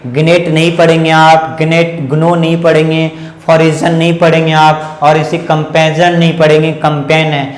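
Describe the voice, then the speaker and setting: Man, Indian accent, teacher, slightly high voice, spells out letters slowly, echoey room. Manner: slow and repetitive, spells out letters, asks and answers his own questions. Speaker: English teacher. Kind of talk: Hindi classroom-style lesson on English pronunciation.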